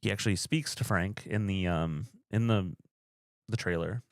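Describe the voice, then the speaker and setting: Podcast co-host, male, low gravelly voice, dry close sound, deadpan and rambling. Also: moderate pace, no echo. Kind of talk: casual chat about movies.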